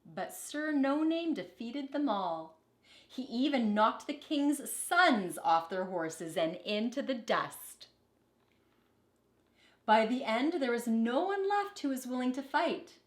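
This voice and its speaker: Reading a children's picture book aloud, this woman uses a fairly high voice and a deliberate, expressive storytelling style. There's a roomy echo to the audio.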